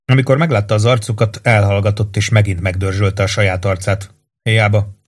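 A man reading a war novel aloud as an audiobook narrator, in steady, even storytelling. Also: lowish voice.

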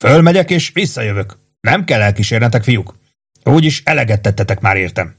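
A man's voice: medium pitch, lively intonation, husky. A man voicing an awkward, sheepish young male soldier who grins as he talks. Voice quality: sheepish, grinning.

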